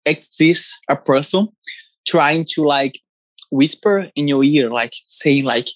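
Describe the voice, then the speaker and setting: A co-host in a casual chat who speaks broken English, halting and searching for words, on an earphone mic. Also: medium pitch, no echo. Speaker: podcast co-host. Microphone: earphone microphone.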